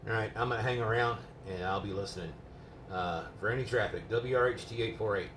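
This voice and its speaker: A man with a lowish voice talks casually as a radio operator, rambling and explaining patiently. He sounds distant from the mic in an echoey room with clear background noise. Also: a little fast. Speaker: amateur GMRS radio operator. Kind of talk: casual, unscripted radio chat. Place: indoors at a home radio base. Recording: roomy, noisy, distant microphone.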